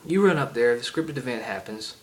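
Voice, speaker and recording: This gaming vlogger speaks expressively in a mid-range voice, a touch quickly, with a heavy Southern accent. Using an iPod camera, he rambles through an informal game rant, chatty and full of ums and digressions.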